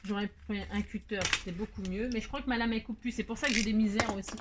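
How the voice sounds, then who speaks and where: A woman's voice: mid-range voice, steady tone, quick pace, heavy background noise. A middle-aged woman hosting a crafting tutorial, chatting, rambling and joking at herself as she works. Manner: rambling, self-mocking, talks to herself while working.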